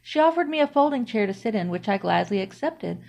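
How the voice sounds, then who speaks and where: A woman narrating a first-person story in a plain, even storytelling manner. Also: medium pitch, a little fast, vocal fry. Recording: slightly dull, lo-fi audio.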